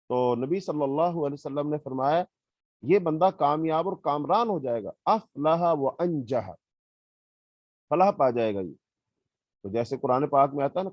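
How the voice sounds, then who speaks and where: A man with a Pakistani Urdu accent, teaching a religious lesson in a measured, explanatory way and reciting Arabic verses. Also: mid-range voice, a little mellow, dry recording. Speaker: hadith teacher. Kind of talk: religious lecture.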